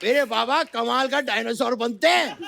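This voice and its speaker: A man's voice: extremely high pitch, normal speed, gravelly, noisy background, exaggerated voice. A man playing a whiny, childish grown son who pleads with his papa, in a comedy sketch. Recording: loud studio audience behind.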